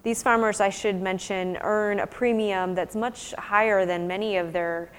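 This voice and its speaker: Presenting fieldwork and taking audience questions in a relaxed way, an American woman researcher explains things thoughtfully. She speaks in a mid-range voice with fairly even intonation and a measured pace. There's long hall reverb and slight background noise.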